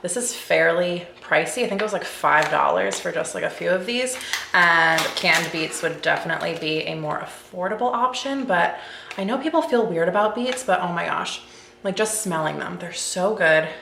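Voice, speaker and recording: A woman's voice: fairly low pitch, expressive, moderate pace, vocal fry, bright, forceful tone, roomy sound, a little hiss or hum. A young woman in her twenties chatting casually to the camera in her kitchen while making food, bubbly and full of "you guys" and "like". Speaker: vlogger. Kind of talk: casual vlog chat. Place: home kitchen. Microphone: camera mic, then phone.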